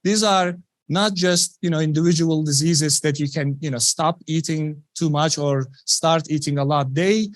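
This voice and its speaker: A man's voice: a little high, steady tone, normal speed, no echo. Man giving a science talk. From Turkey. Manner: earnest, conversational, many "you know" fillers. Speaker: scientist presenting research.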